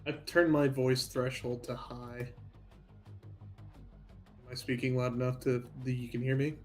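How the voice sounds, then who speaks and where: A man's voice: mid-range voice, fairly even intonation, measured pace, a little mellow, faint music behind. A man chatting casually over a voice call while playing a game, giving joking, offhand commentary on his play. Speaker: friend on voice chat, playing a game.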